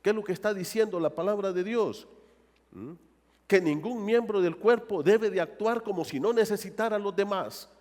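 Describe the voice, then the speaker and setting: A man's voice: high-pitched, moderate pace, darkish tone, big-room sound. A male pastor preaching a sermon in a church and often asking the congregation rhetorical questions. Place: church sanctuary.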